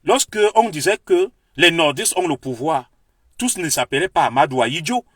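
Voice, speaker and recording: A man's voice: a little high, animated, moderate pace, slightly rough, no echo, clean studio sound. A Cameroonian man with a Beti French accent, delivering an impassioned, lecturing political monologue straight to his viewers. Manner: heated, declamatory, lecturing the viewer. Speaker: political commentator.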